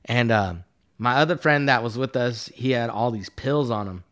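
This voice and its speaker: A man's voice: mid-range voice, normal speed, fairly bright tone. A man, a guest artist, telling a long story in a casual, rambling and profane way, with many fillers. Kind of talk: casual storytelling in a podcast interview.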